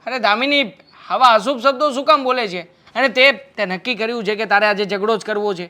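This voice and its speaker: A man's voice: high-pitched, a little fast, bright, forceful tone. A young man playing a carefree husband, breezy and dismissive in a family drama. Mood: placating.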